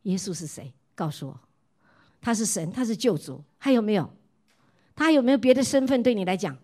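A middle-aged woman from Taiwan, a pastor's wife preaching a sermon, who keeps asking her listeners questions and tells her own stories in a warm voice that often drops soft. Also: mid-range voice, animated, fairly quick. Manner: asks the listeners repeated questions. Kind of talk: sermon with personal testimony.

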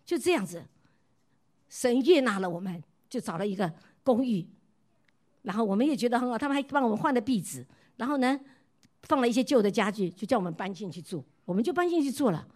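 A middle-aged woman from Taiwan preaches a sermon mixed with her own testimony. She keeps asking her listeners questions, and her voice often drops soft and quiet as she tells her stories. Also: a little high, animated, fast. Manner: asks the listeners repeated questions. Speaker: pastor's wife preaching.

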